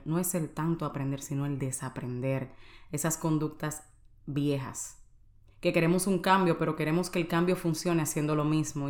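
A woman with a lowish voice tells her own story on a podcast. She talks in an earnest, confiding way, speaking straight to the listener. Her voice rings in a roomy, echoey space. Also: darkish tone. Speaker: podcast host. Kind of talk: personal testimony podcast.

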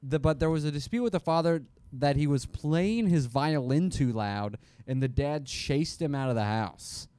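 A man's voice: fairly high pitch, moderate pace, few pauses, clear, resonant tone, no echo. A man co-hosting a podcast, joking and riffing in casual comedic chat. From New York. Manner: animated, joking, riffs with laughter. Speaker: podcast co-host.

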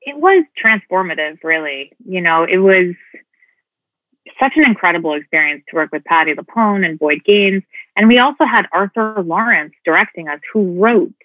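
A woman's voice: on the low side, animated, moderate pace, no echo. A woman, an actress guest on a podcast, talking reflectively about her stage work. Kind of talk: interview. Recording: tinny, dry phone-line sound.

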